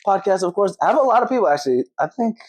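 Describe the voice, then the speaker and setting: A man's voice: high voice, sing-song, rapid-fire, a little mellow. A man hosting a podcast in casual, slangy chat, often calling his guest bro. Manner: laid-back slangy, calls guest bro. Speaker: podcast host.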